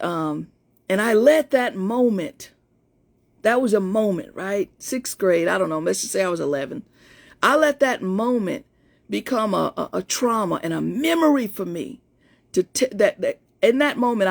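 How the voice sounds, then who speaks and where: A woman in her fifties coaches viewers on a casual live stream, talking in a mid-range voice marked by vocal fry. Her sound is neither clearly feminine nor masculine, and she tells a personal story in a chatty way, repeatedly restarting her phrasing.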